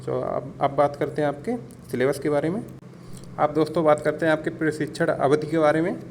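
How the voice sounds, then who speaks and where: An exam-prep instructor gives a casual explainer lesson in a fairly high, steady voice at a fairly quick pace. He repeats himself, calls his listeners friends, and mixes in English words. There is clear background noise in the recording.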